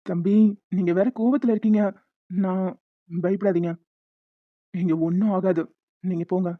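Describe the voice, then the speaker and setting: A voice actor playing a calm, kindly older male relative who soothes a younger man in a cartoon. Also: high voice, moderate pace, no echo, voice pushed down, close to an everyday voice. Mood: soothing. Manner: soft, soothing, reassuring. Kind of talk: Tamil cartoon voice acting. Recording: dull lo-fi sound.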